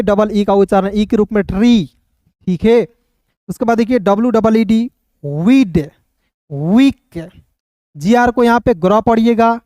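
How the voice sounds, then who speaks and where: A man teaching an online lesson as an English teacher, spelling out words slowly sound by sound and often checking that students follow. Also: very high-pitched, a little mellow, dry recording. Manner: slow syllable-by-syllable pronunciation drills, keeps asking "clear?".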